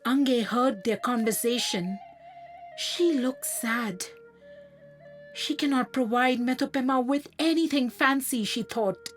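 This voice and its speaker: A woman tells a children's story in a high, clear voice. She speaks slowly and gently, and soft music plays behind her. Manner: slow, gentle and clearly spoken. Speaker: narrator.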